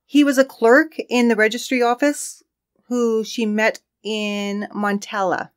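A woman's voice: a little high, little pitch movement, measured pace, clear, resonant tone. A woman co-hosting a casual true crime podcast, chatting and laughing as she tells the case story.

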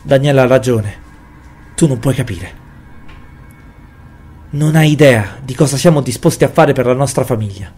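A man's voice: mid-range voice, normal speed, long pauses, a little mellow, breathy edge, soft background music, pitched above the performer's own voice, close to an everyday voice. A man voicing an anguished, guilt-ridden father who talks in a desperate, pleading way in a horror audio story.

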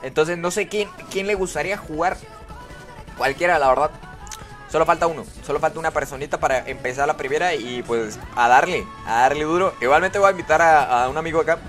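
A male gaming streamer with a slightly high voice, chatting casually and cracking jokes to his live audience. Quiet music plays underneath him. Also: brisk. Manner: chatty and joking, talks straight to viewers.

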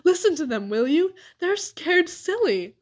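A woman reading aloud, voicing an excitable, mischievous young boy in a storybook. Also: very high-pitched, a little slow, pitched above the performer's own voice, heavily acted. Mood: excited whisper.

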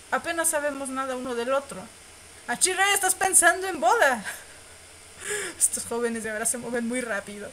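A woman's voice: a little high, a bit bright, a little hiss or hum, poor audio. A woman reads a romance visual novel aloud and reacts with squeals and laughs. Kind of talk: reading game text aloud with live reactions.

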